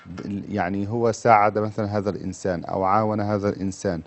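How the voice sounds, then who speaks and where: A man's voice: on the low side, fairly even intonation, fast talker. A man with an Egyptian Arabic accent giving religious advice as a scholar, mixing formal and colloquial speech and reasoning with repeated set phrases. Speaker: Islamic scholar answering callers.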